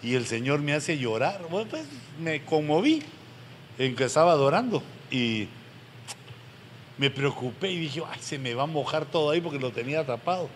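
Guy preaching, earnest, bursts loud sometimes, faint room noise and echo. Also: on the high side, animated, normal speed. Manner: earnest, pleading, with sudden loud emphatic rises. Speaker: pastor. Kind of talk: sermon to pastors. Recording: long hall reverb, faint background noise.

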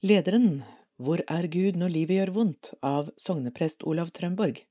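Low, mellow-voiced Norwegian woman reading. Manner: calm, measured, even reading. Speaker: reader of an audio parish magazine. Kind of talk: scripted reading of a devotional article.

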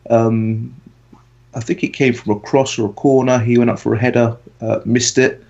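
A man in his thirties from England, co-hosting a football podcast in a relaxed, rambling way with many fillers. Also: mid-range voice, normal speed, gravelly. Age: 30s. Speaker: podcast co-host. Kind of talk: casual chat. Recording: dull lo-fi audio.

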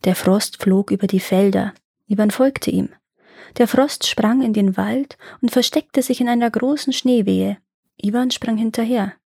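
A woman's voice: a little high, measured pace, creaky, mellow, breathy edge, no echo. Woman reading a fairy tale, dry and close. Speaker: storyteller.

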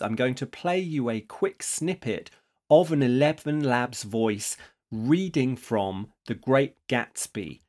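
A man hosts a podcast, reading his prepared script in a measured, explanatory way. His voice sits at a middling pitch for a man. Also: a little mellow. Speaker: podcast host.

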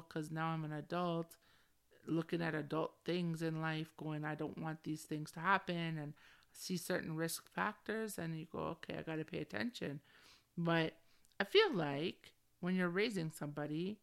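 A lowish, gravelly voice that's a bit bright and smooth comes from a middle-aged woman hosting her own podcast. She's open and laid-back, slangy in her phrasing, and uses "like" frequently in valley-girl style.

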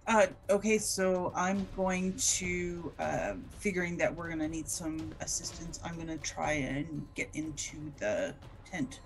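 A woman's voice: lowish voice, fairly even intonation, a little slow, hardly any pauses. A woman playing a tabletop game, talking casually and hesitantly, with many stumbles and restarts. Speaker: player.

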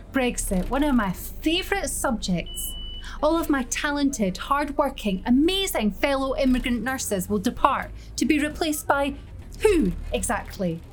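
A woman plays a worn-out, middle-aged Scottish nurse in an audio drama, sardonic and quick to swear, with a high, carrying voice. She speaks loudly and bluntly, with a faint hiss of noise under the recording. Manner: loud and carrying. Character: fed-up foul-mouthed female nurse, middle-aged.

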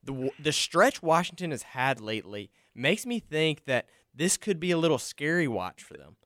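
A man's voice: a little high, normal speed, dry recording, studio quality. Chatty young male sports co-host. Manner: chatty, hesitant fillers, animated. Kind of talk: casual sports talk on college radio. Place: radio studio. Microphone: studio microphone.

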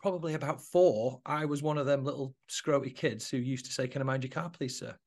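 Mancunian man, 40s, gravelly mid-range voice, relaxed podcast-guest chat. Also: mid-range voice, fairly quick. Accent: Manchester English. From Manchester, England. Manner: conversational, frequent restarts, calls the host mate. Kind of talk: casual chat.

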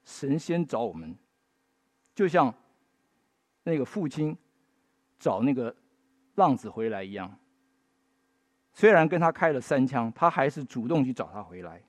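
A man's voice: mid-range voice, very animated, measured pace, long pauses, dry recording. A man preaching a sermon in Mandarin, telling stories with folksy tag particles and rising to emphatic bursts. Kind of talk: sermon with storytelling.

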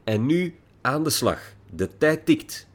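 A man reading an audiobook and voicing a spirited, wry teenage girl who teases quickly and brightly. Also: on the low side, creaky, breathy edge, exaggerated voice. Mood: teasing. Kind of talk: audiobook character voice.

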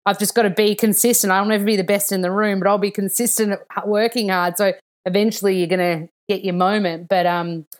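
A young adult woman, an actor chatting as a podcast guest and telling stories with animated enthusiasm. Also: medium pitch, fast. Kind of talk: casual chat.

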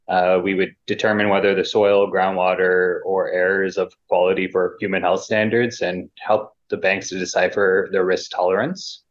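Man student panelist, very low voice, relaxed and casual; dull remote sound. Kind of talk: podcast interview answers.

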